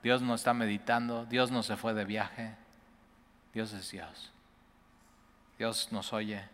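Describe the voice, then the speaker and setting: A man preaching as pastor, his voice bright and forceful. He drops to a hushed prayerful hush for scripture, then rises into loud, excited exclamations. A long reverb hangs behind him in the church hall. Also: on the low side, takes it slowly. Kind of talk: sermon.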